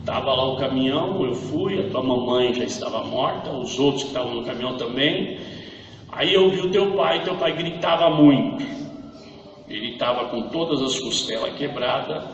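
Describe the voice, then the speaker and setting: A man's voice: mid-range voice, moderate pace, recorded from a distance, highs cut off, slight background noise. A man with a Brazilian Portuguese accent giving an emotional church testimony, acting out the dialogue as he tells the story. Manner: acts out dialogue, grows louder and impassioned. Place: church hall. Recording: echoey hall, voice from afar.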